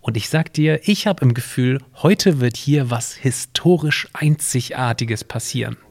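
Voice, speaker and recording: Gravelly and a bit slow, a medium-pitched man hosts a semi-scripted audio play, explaining things both to his companion and to the audience. He's the podcast host and co-creator of the exhibition audio play.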